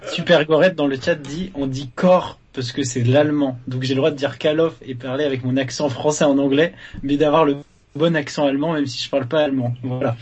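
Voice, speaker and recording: A man co-hosting a gaming podcast in a relaxed, musing way, voice of middle pitch. His voice is husky and comes through a dull, lo-fi mic. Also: brisk. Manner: relaxed, thinking aloud with fillers. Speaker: podcast co-host. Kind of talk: casual gaming chat.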